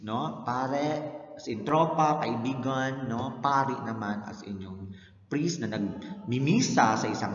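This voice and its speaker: A man teaching a language lesson, explaining step by step and often checking in with a quick "no?", mixing English terms into his speech. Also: medium pitch, fairly bright tone. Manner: explanatory, frequent "no?" tag checks. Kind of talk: recorded Filipino language lecture. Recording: roomy echo, dull lo-fi sound.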